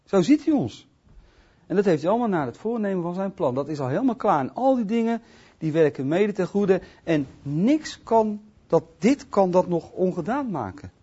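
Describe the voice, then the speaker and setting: A man giving an informal bible teaching in a conversational way, often checking in with his listeners and swinging between soft asides and loud, emphatic stresses. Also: high voice, very animated, moderate pace, husky. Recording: dull lo-fi recording.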